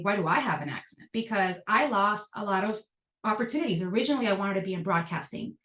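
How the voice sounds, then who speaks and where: A woman's voice: medium pitch, pushed and bright, reverberant, distant mic, rough recording. A woman in her thirties from Venezuela with a Venezuelan Spanish accent, telling her personal story earnestly as a podcast guest. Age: 30s.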